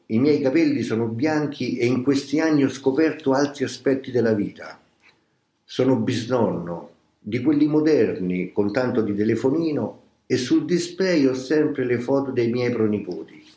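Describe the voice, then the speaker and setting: A man reading a memoir aloud as scripted audiobook narration, in a slow, grave, measured way. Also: mid-range voice, dark tone. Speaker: reader of a memoir. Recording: roomy echo.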